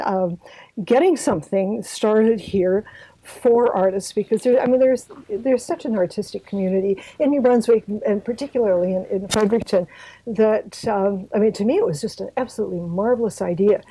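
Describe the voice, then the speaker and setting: A woman's voice: mid-range voice, warm tone, husky, poor audio. An older woman from Canada, a guest in an interview, talking casually with lots of fillers and restarts. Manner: hesitant, many fillers and restarts. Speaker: guest, arts health board secretary.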